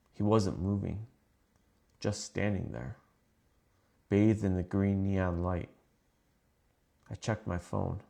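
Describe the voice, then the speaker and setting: A man reading scripted first-person horror stories in a calm, measured way. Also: low-pitched, gravelly. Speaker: narrator.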